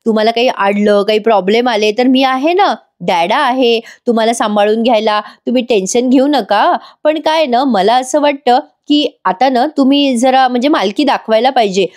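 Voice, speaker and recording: A woman's voice: on the high side, normal speed, hardly any pauses, darkish tone, lightly acted. A woman reading the coaxing, manipulative lines of a scheming young wife in a TV serial recap. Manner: coaxing, persuasive.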